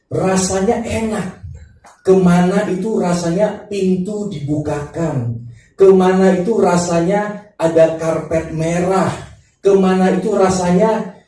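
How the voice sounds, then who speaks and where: A Thai man serving as pastor opens a church service with prayer, then preaches unhurriedly with pauses, inviting the congregation to answer back, his voice fairly high and mellow. The recording comes from a very echoey worship hall with a distant mic and faint music.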